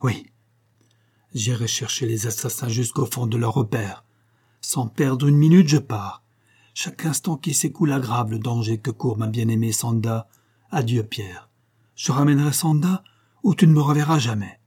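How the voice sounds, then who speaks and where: An impetuous young Frenchman speaks urgently and with passion, as a man reads him in an audiobook. The voice is husky and dark. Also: medium pitch, moderate pace, natural voice.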